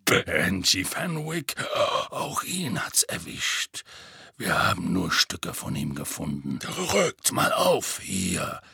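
A man voicing a gruff, grizzled old male wizard who growls low and gravelly. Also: sing-song, slow pace, bright, forceful tone, dry recording, studio quality, exaggerated voice. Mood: growling.

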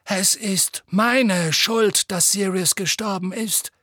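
Man reading a serene old male wizard, measured and firm, unhurried, gravelly, audiobook. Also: sits high, fairly bright tone, no room sound, studio quality, voice pushed up, full character voice. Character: old wise male headmaster wizard, calm.

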